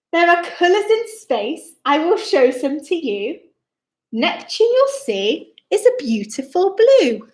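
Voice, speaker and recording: In a room full of echo, a high-voiced woman reads a rhyming children's picture book aloud. She performs it theatrically and with great energy, her tone swinging widely at an unhurried pace. Addressing her young audience directly, she exclaims along the way.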